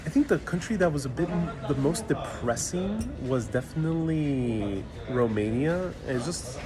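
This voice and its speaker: With a fairly high, animated voice at a moderate pace, a laid-back travel streamer broadcasts from a crowded New York City street on his phone. He reads viewer comments aloud in a casual Q&A, cracking jokes and thinking aloud with fillers amid the crowd chatter.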